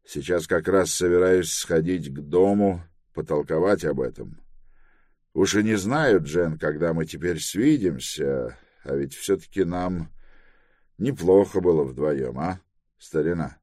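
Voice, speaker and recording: A man reading the part of a stubborn, earnest grown man in an audiobook, insistent and deliberate. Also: sits low, animated, a little mellow, no echo, studio quality. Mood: wistful.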